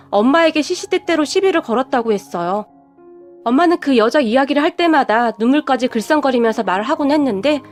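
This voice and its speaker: Young female storyteller, earnest and fiery, high-pitched, faint music bed. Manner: earnest, quick to anger. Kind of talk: scripted radio-story narration. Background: faint background music.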